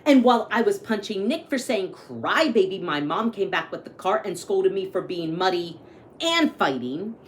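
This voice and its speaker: A woman's voice: medium pitch, expressive, normal speed, slight background noise, close to an everyday voice. A woman voicing a grumpy, aggrieved young boy who narrates his bad day in a storybook, with emphatic complaining. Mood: indignant.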